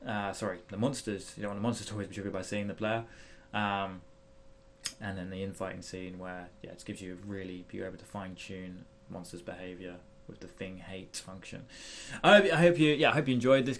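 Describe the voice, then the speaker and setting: A man with a fairly low, creaky voice runs a casual software tutorial, thinking out loud and feeling his way hesitantly through each step. His tone stays steady and he talks a little fast, with slight background noise.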